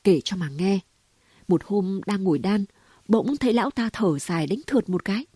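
Woman reading as a mouthy gossip lady, mellow husky voice, teasing and chatty, dry close sound. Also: medium pitch, expressive, normal speed, no echo. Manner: chatty, mocking, full of exclamations. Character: gossipy, sharp-tongued city woman. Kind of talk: audiobook reading.

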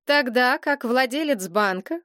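A composed young heiress, voiced by a woman reader who speaks firmly and deliberately. Her voice sits slightly above the narration and is recorded dry. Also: sits high, lively intonation, fairly bright tone, dry recording, voice pushed up.

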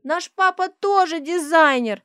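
A woman voicing a cheeky, excitable little girl with a squeaky, shrill voice in an audiobook. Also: measured pace, no echo, clean studio sound, full character voice. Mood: excited squeal.

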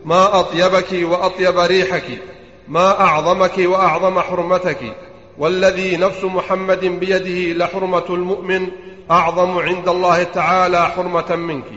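A man reads out chains of narration in a steady, formal recitation, his voice sitting a little high. The sound is dull and lo-fi, with a long echo from a large hall. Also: moderate pace. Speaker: student reading aloud. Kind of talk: reading hadith chains aloud in a study circle. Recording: dull echoey hall recording.

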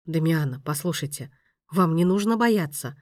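Woman doing a stern, composed maestro, low and firm, dry audiobook read. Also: fairly quick, dry recording, close to an everyday voice. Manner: calm, firm, lowered voice.

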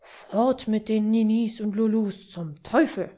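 A woman's voice: on the high side, slow, mellow. A woman reading a dry, mocking practical man. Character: sardonic, practical man Burmann. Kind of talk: audiobook reading.

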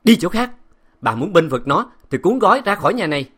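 A man playing a jealous, cruel husband who shouts harsh commands. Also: medium pitch, sing-song, a little fast, pitched above the performer's own voice. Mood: commanding.

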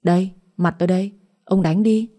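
A woman voicing a harsh, spiteful middle-aged mother who taunts and curses in a shrill voice. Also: steady tone, normal speed, warm tone, lightly acted. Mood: shrieking.

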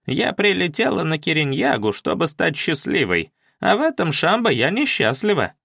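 Мужчина озвучивает упрямую старую деревенскую женщину, которая насмешливо и с вызовом спорит с вождём и знахарем. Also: male voice, a little high, wildly swooping pitch, normal speed, vocal fry, fairly bright tone, slightly rough, no room sound, clean studio sound, pitched above the performer's own voice, full character voice. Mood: defiant. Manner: mocking, defiant. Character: stubborn defiant old village woman.

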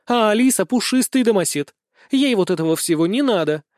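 A man's voice: high-pitched, expressive, a little mellow, dry recording, studio quality, voice pushed up. Man doing a stern aristocratic mother. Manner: stern, measured and condescending. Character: strict, commanding aristocratic mother. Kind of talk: audiobook character voice.

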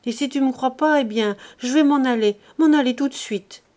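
A woman's voice: high voice, normal speed, a little mellow, voice pushed up, lightly acted. A woman reading an audiobook, voicing an anxious young woman who pleads near tears. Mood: pleading tearful.

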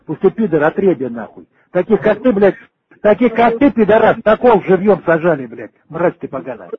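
An older man in an angry phone argument, cursing and threatening like a street thug in a rough voice. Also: high-pitched, very animated, fairly quick. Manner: belligerent, foul-mouthed, threatening street-thug abuse. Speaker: prank call victim. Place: phone call. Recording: tinny phone-line call.

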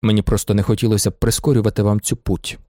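A man doing a low, dry, sardonic merchant. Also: flat delivery, fast talker, warm tone, no room sound, natural voice. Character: cool, dry, sardonic middle-aged merchant.

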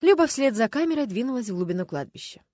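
A woman narrating an audiobook in a wry, expressive storytelling manner. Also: fairly high pitch, quick pace, no room sound.

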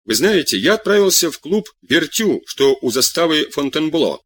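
A man voicing an eager, excitable young man who tells his news breathlessly and humbly. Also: a little high, normal speed, slightly rough, no echo, heavily acted. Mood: excited.

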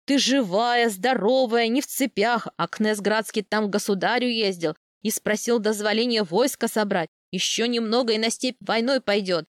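A woman voicing a huge bearlike man, a loyal protector who roars and scolds, in a low loud voice. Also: normal speed, hardly any pauses, no room sound, clean studio sound, close to an everyday voice. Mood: scolding. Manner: roaring, scolding.

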